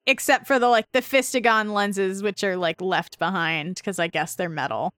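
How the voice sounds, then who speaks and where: A woman's voice: mid-range voice, normal speed, no echo, clean studio sound. A woman co-hosting a podcast, animatedly retelling a comic story in casual chat. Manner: animated, dramatic retelling with voiced asides. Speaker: podcast co-host.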